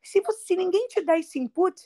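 A woman English teacher explaining her approach in an emphatic, lively conversational way. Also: very high voice, fairly quick, creaky. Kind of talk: conversational interview.

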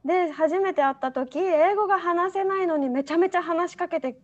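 A woman's voice: very high-pitched, brisk. A young woman co-hosting a podcast in casual chat, telling stories animatedly and laughing often. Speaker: podcast co-host. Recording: dull lo-fi sound.

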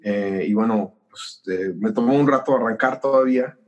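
The recording is muffled, and the man's voice is lowish, at a normal speed. He's a middle-aged pastor and musician with a Mexican accent, animatedly telling his story in a casual interview and acting out the dialogue.

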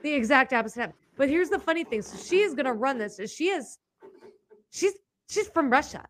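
A woman co-hosting a casual political chat, sarcastic and animated, swearing freely. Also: sits high, a little fast. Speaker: podcast co-host.

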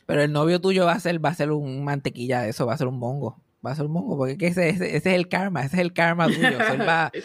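A man's voice: on the high side, quick pace, hardly any pauses, no room sound. A man in his thirties with a Puerto Rican accent, chatting and joking animatedly, mixing in English words. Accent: Puerto Rican Spanish. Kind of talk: casual comedic chat.

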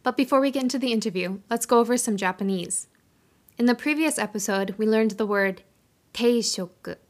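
A woman hosts a podcast in a scripted, measured delivery. She slows down to spell out Japanese phrases syllable by syllable, like a patient teacher. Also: on the high side. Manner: careful, slow syllable-by-syllable pronunciation of Japanese words. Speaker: podcast host. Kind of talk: scripted podcast intro and language tip.

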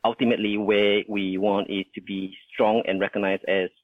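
A man's voice: on the low side, little pitch movement, normal speed, dry recording. A man from Indonesia, a small business owner, answering interview questions hesitantly with many fillers and restarts. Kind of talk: casual interview talk. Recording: tinny phone-like line, dry.

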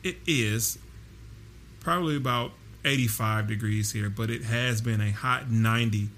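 A man's voice: on the low side, unhurried, a bit bright. A man hosting a casual solo podcast, talking directly to listeners in a conversational way. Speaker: podcast host and personal trainer. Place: at home with air conditioning running. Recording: constant air conditioner hiss. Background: hissing air conditioner noise.

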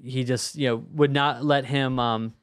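A man co-hosting a podcast, telling stories in a casual, animated way. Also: mid-range voice, a little slow, clear, resonant tone. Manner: animated storyteller, chuckles through anecdotes. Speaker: podcast co-host.

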